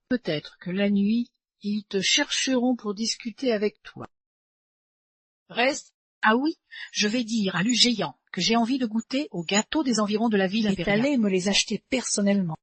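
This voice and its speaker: Dub casting: a scheming young woman out for revenge, breathy and cold, dry studio sound. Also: medium pitch, no room sound. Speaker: heroine returning for revenge. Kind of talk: French dub of a Chinese mini-series.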